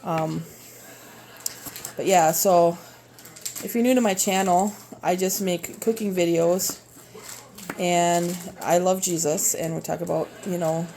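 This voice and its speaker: A cooking vlogger and homeschooling mom in her thirties, Minnesota accent, makes a casual video in her home kitchen, chopping vegetables as she talks haltingly and rambles with many fillers. Her lowish voice is mellow and steady. The phone recording her is propped on the counter, with slight background noise.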